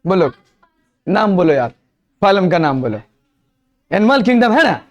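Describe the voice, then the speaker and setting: A man with a high-pitched voice lectures a biology class in a classroom. He keeps throwing questions at the students and answering them himself, switching freely between Hindi and English terms. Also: very animated, moderate pace, lo-fi sound. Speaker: biology teacher.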